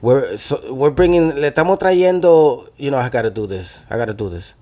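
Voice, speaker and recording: This young podcast host from New Jersey has a Dominican American accent, a mid-range voice with a dark tone, and lively intonation. He talks fairly quickly in loose, profane banter, slipping into Spanish now and then.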